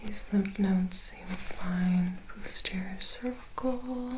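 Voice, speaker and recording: Woman, whispered role-play, ear-exam ASMR, soft gentle clinician, unhurried step-by-step delivery, noticeable background noise and clicks. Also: medium pitch.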